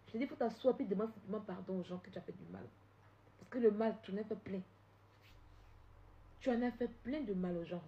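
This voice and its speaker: A woman on a live stream, confrontational and repetitive, swinging from loud outbursts to low scolding. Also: dull audio. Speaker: social media live streamer. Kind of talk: heated live-stream rant.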